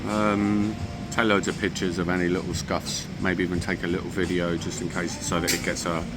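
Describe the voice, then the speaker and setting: A man's voice: low-pitched, level tone, brisk, loud music behind the voice. A young British man talking casually to the camera as a travel vlogger, thinking aloud and calling everyone "mate". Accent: British English. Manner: chatty, thinking aloud, keeps saying "mate". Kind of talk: casual vlog talk to camera. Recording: loud street noise behind the voice.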